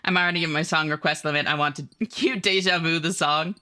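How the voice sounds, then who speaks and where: A woman live-streaming a game chats upbeat and casually with her viewers, reading their messages aloud and answering them, with plenty of "like" and "um" and the odd swear. Her voice sits low, with fairly even intonation, and comes out fairly quick, pushed, and bright.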